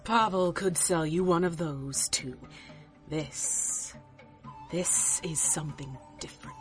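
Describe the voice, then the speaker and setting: An actress playing an imperious, curt mystic seer in an audio drama, with a haughty, theatrical and deadpan delivery. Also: female voice, lowish voice, a little slow, soft background music, lightly acted. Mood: dry, haughty.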